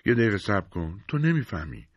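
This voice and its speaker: A man's voice: fairly low pitch, big pitch swings, dry recording, lo-fi sound. A man voicing a hesitant, subdued young husband torn between family and a friend, in an audiobook reading.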